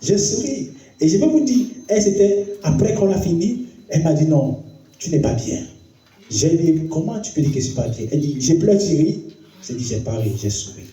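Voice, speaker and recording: A man preaching as a pastor, telling a story in a sermon, his voice dropping low and hushed, then climbing high and excited. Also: normal speed. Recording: roomy hall, voice from far off the mic.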